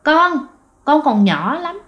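A woman's voice: high voice, big pitch swings, slow, fairly bright tone, echoey room, lo-fi sound, voice pushed up, heavily acted. A woman voicing a frightened little boy ghost who has possessed a man, speaking timidly and pleadingly.

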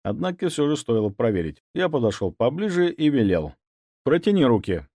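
A man narrating an audiobook in an expressive storytelling manner. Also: mid-range voice, a little fast, no room sound, studio quality.

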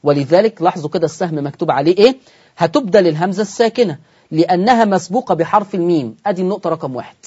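Speaking with an Egyptian Arabic accent, a man hosts a televised Quran recitation lesson, putting questions to the audience and answering them himself. His high-pitched voice is expressive, racing, warm and husky, though the recording sounds muffled.

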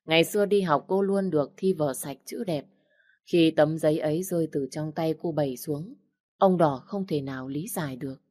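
Deep-voiced woman narrating a village story. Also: moderate pace, dry recording, studio quality. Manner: steady storytelling, voicing every character. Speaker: audiobook narrator.

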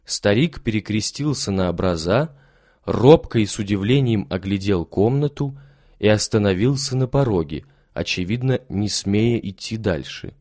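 A man reading a story aloud in a calm, measured way. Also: fairly low pitch, no echo, studio quality. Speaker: narrator.

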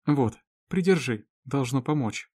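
A man voicing Lizzie, a caring, sharp-tongued woman, in a raised, teasing and scolding voice. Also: medium pitch, expressive, a little slow, slightly rough, no room sound, clean studio sound. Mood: chiding, caring.

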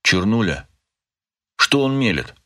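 A man's voice: lowish voice, very animated, moderate pace. A man voicing a hostile young male partisan who grumbles and hurls abuse. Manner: grumbling, abusive.

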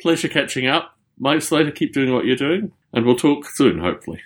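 A man hosts a casual call-in chat, greeting callers and asking after their projects. His pitch swings widely as he talks, and he sounds welcoming and chatty. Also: sing-song, brisk. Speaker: host.

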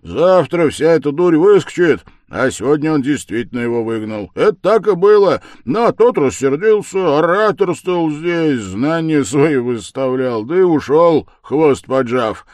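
A man voicing a drunk, boisterous young man who shouts and blusters. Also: fairly low pitch, expressive, moderate pace, dry recording, clean studio sound, pitched above the performer's own voice, close to an everyday voice. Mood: blustering loud.

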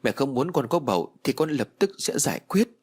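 A man's voice: mid-range voice, sing-song, brisk, a little mellow, husky, pitched above the performer's own voice. A man voicing a frightened, meek young pregnant wife who pleads in an audiobook. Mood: pleading. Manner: pleading, timid.

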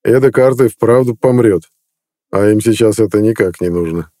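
A man narrating an audiobook in a steady, even storytelling manner on a close studio mic. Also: fairly low pitch, normal speed, no room sound.

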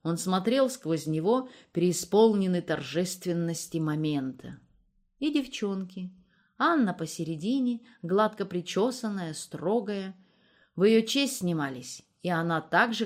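A woman narrating a novel as an audiobook, with expressive storytelling. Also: on the low side, a little slow. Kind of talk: audiobook reading.

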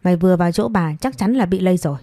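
A cruel village wife with a low, mellow voice who hisses her scolding, as a woman narrator puts her on. She is harsh and bitter toward a child. The delivery is dry and close. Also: animated, very fast, no room sound. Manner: hissing, scolding.

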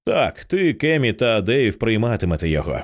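A man reading an audiobook, voicing a tired husband giving firm, measured instructions. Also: on the low side, very animated.

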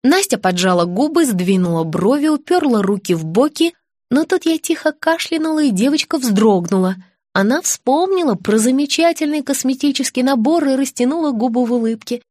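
Woman audiobook narrator, wry ironic first-person reading, higher voice, dry close mic. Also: expressive, normal speed, a little mellow, dry recording.

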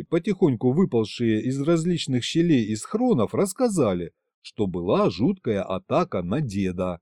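A man's voice: on the high side, mellow, no room sound, clean studio sound. A man narrating a first-person audiobook in a wry, conversational way.

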